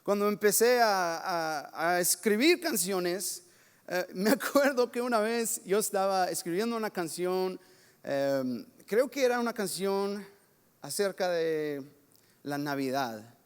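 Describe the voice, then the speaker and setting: A man preaching a sermon as pastor, telling lively, self-mocking stories from his own life. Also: high voice, slow, clean tone. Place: church sanctuary. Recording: long church reverb.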